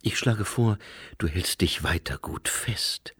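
A man playing a shrewd old monk from a storybook, gruff and calm. He talks low and quietly, slowly weighing each word. The recording is dry and close. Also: no echo, heavily acted.

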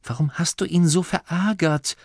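A man voicing a sharp, reproachful young woman gnome in a storybook reading. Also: fairly even intonation, normal speed, creaky, breathy edge, no room sound, clean studio sound. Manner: high, pointed questioning.

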